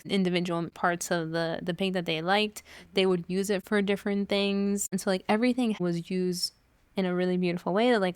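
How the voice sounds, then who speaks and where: A woman from Cuba in her thirties talks casually on a podcast, laughing easily and drifting into stories. Her voice sits low and smooth, recorded close and dry. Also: no room sound. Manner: laughs often, storytelling. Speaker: podcast co-host. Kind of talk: casual chat.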